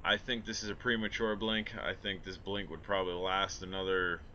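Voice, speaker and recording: A low-pitched man with a forward, bright edge talks casually outdoors at night. He rambles through his review with frequent ums and uhs. The sound is a bit dull and lo-fi, with faint noise behind him. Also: steady tone, moderate pace. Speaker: drone reviewer.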